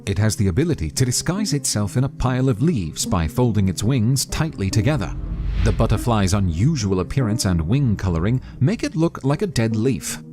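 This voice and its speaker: Lively male nature documentary narrator over music. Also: lowish voice, brisk. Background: prominent background music.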